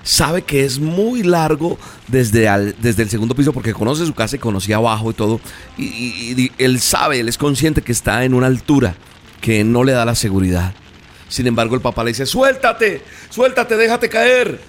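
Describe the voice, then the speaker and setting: A man's voice: mid-range voice, normal speed, a little hiss or hum. A male preacher telling a story in an earnest devotional radio sermon, repeating words for emphasis.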